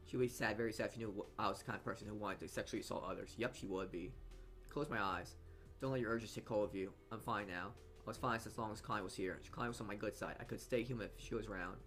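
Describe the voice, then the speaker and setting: This man talks fast in a lowish, fairly bright voice while reading a visual novel's narration for a let's play, game music underneath. He keeps fumbling words, correcting them, and dropping in personal remarks.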